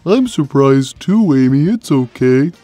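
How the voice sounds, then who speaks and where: A low, mellow voice for a huge, gentle male cartoon cat, performed by a woman. He talks slowly and plainly, placid and deadpan in a simple-minded way. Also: dry recording, faint music behind, heavily acted. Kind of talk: animated character Q&A, fan dub.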